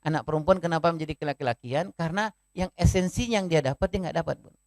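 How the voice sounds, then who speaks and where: A man's voice: on the high side, fast talker, no room sound. A man giving a parenting seminar talk in a conversational manner, addressing the parents in the audience and acting out short family scenes. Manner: conversational, often addresses listeners as "Bun"; acts out short family dialogues in his talk. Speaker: parenting speaker.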